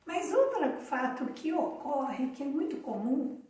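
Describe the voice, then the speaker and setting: A Brazilian woman with a high yet mellow voice reflects calmly and tells a little story in a live chat. She is far from the mic in a strongly echoing room. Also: a little slow. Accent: Brazilian Portuguese. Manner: calm, reflective, tells anecdotes. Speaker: co-host of a live talk on emotional awareness.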